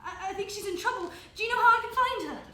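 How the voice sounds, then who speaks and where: A young adult woman, a student stage actor, plays a gentle, lost woman with no memory in a live indoor theatre performance, her very high voice hesitant and halting as she repeats phrases. She sounds sad and anxious. The roomy live stage recording carries background noise.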